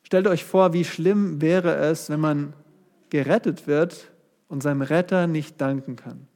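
A man's voice: on the high side, measured pace, a little mellow. A man preaching a sermon and reading a psalm aloud, speaking straight to his congregation and lifting his voice on key words. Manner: addresses the congregation directly, rising voice on key words.

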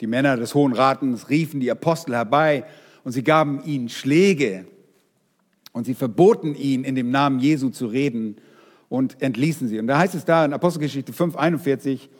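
A man preaching a sermon, speaking straight to his congregation in a lively way. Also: mid-range voice, brisk, long reverb tail. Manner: lively, addresses the congregation directly.

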